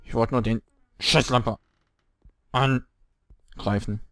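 A young man commentating a horror game he is playing, scared and swearing, his voice jumping up high when frightened. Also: steady tone, slow pace, a bit bright, no echo. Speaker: let's play gamer.

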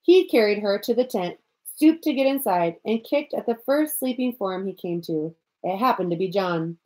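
A woman narrating a storybook in a measured, expressive amateur reading. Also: a little high, rough recording. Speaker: audiobook reader.

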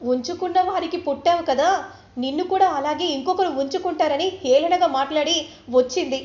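A woman voicing an angry, stern middle-aged father who scolds loudly, in an echoey room. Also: high-pitched, a little fast, voice pushed up, natural voice. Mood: angry scolding. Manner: loud scolding, raised voice. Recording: roomy, slightly dull recording.

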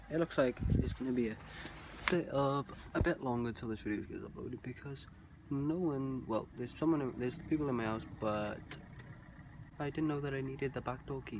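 A young man with a south Wales Valleys accent, rambling casually and slangily to his vlog on a handheld phone. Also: medium pitch. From Caerphilly, south Wales. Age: young adult. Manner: slangy, with "bruv" and "like". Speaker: vlogger. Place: mostly outdoors on a street at night. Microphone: phone at arm's length. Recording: noisy handheld phone, traffic ambience.

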